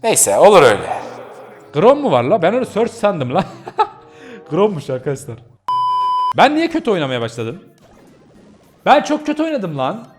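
Excitable guy chatting over his game, kinda high voice all over the place, yelps and laughs a lot. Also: normal speed, pauses often, music in the background. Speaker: gaming channel host. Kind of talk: casual gameplay commentary.

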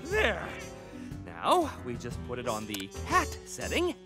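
A man's voice: on the high side, wildly swooping pitch, slow, loud music behind the voice, exaggerated voice. A man voicing an upbeat, reasonable suburban father in a cartoon, explaining things mildly. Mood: reassuring. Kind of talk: animated cartoon acting.

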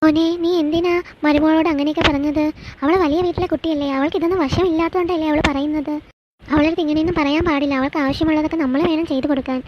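A woman voicing a poor, gentle, patient mother-in-law in a cartoon, speaking in a soft and soothing way. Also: high-pitched, steady tone, racing, lightly acted. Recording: dull lo-fi with faint hiss.

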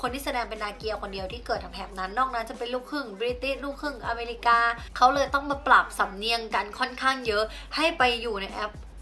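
A woman's voice: fairly high pitch, pushed and bright. A young woman vlogger chatting casually through a numbered movie rundown, with polite particles at the end of her sentences.

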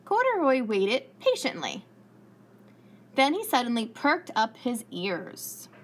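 A woman in her thirties reading aloud as a preschool teacher in a classroom, encouraging and deliberate, asking questions. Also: fairly high pitch, wildly swooping pitch. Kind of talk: children's read-aloud with questions. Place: indoors, school classroom. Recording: faint room noise.

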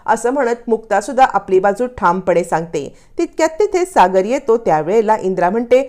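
A woman narrating a recap of a television serial in a steady storytelling manner. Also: medium pitch, fairly quick.

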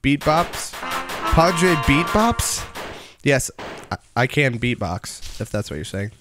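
A young man streaming a video game live, chatting casually, reading chat aloud and breaking into excited outbursts while he plays. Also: medium pitch, takes it slowly, over loud music.

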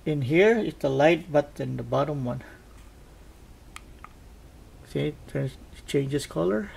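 A man casually narrating a product test as a reviewer, haltingly thinking aloud. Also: a little high, lively intonation, gravelly, a little mellow, breathy edge. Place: indoors at a tabletop. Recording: faint background noise.

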